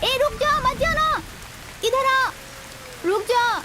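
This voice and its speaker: A woman's voice: very high-pitched, animated, takes it slowly, full character voice, low-quality recording. An actress playing a playful young woman who begs a friend to stay. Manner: pleading, playful. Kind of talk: low-budget film acting.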